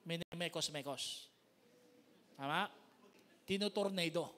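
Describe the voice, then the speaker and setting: A Filipino man preaching a sermon as pastor, with big swings in pitch and loudness, recorded in a church hall. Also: a little slow. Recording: long hall reverb.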